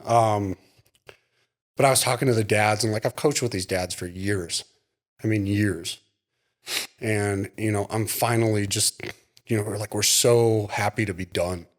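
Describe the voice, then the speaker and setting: A man co-hosting a podcast, telling a long story in a rambling, animated way and acting out the dialogue. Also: on the low side, measured pace, pauses often. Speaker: podcast co-host. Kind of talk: casual storytelling chat.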